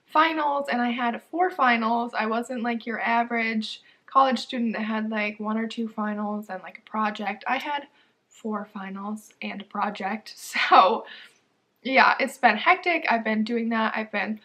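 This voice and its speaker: A woman's voice: on the high side, pushed and bright. Chatty young woman vlogging. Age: young adult. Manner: chatty, lots of "like", bubbly with quick laughs. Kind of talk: casual sit-down chat to camera.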